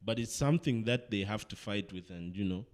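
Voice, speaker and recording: A man's voice: on the low side, a little fast, darkish tone. A man hosting a casual podcast discussion, reflective and making points with little stories. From Zambia. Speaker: podcast host.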